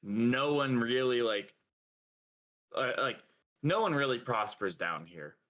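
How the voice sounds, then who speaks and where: A young man with a bright, forceful voice co-hosts a casual podcast. He rambles along, padding his talk with fillers and breaking into laughter now and then. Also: medium pitch, expressive, slow. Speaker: podcast co-host. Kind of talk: casual chat.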